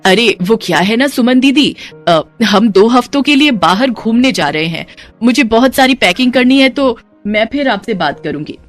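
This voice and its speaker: A woman's voice: fairly high pitch, expressive, moderate pace, faint music behind, pitched above the performer's own voice, close to an everyday voice. A woman voicing an exasperated middle-aged mother-in-law who scolds and frets.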